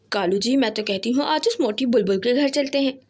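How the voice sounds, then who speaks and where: Cartoon crow wife, female, sarcastic schemer, high voice , played by a woman narrator. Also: darkish tone, breathy edge. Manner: teasing, sarcastic.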